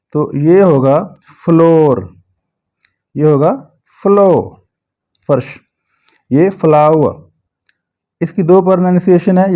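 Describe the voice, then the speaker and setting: Male pronunciation tutor, high-ish mellow voice, very slow drawn-out drills. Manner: repeats and stretches vowel sounds, corrects common mistakes. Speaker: English pronunciation teacher.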